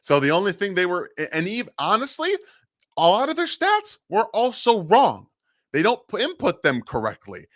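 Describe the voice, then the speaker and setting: A man argues his sports takes with a very lively, rising and falling pitch. He pushes his points hard and sounds dry and close to the mic. He is a podcast co-host on a remote call. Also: moderate pace, no echo. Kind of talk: casual sports talk.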